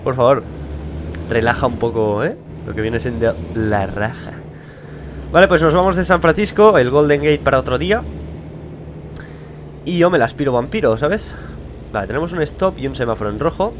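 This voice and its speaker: Young man, Spain Spanish accent, chatty rambling let's-play talk, self-mocking, desk mic, loud car engine noise behind. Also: mid-range voice, normal speed, pauses often. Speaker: gaming YouTuber. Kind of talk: casual let's-play commentary. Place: home bedroom studio.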